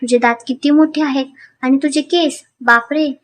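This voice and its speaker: A woman voicing a young wife who is pretending to be mad, shouting frantically, in a high voice. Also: fairly even intonation, normal speed, lightly acted. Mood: frantic shouting. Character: young wife feigning madness, wild and shrieking.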